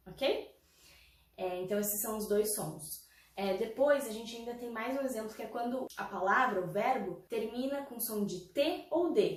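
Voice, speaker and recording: A woman's voice: medium pitch, a little mellow. Roomy, distant teacher woman. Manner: patient, explains with repeated examples and frequent "tá?" check-ins. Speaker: English teacher. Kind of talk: pronunciation lesson.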